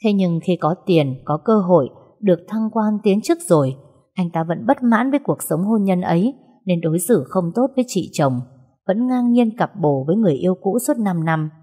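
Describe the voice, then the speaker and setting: A woman narrating a first-person story in a steady, reflective way. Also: on the low side, moderate pace, husky.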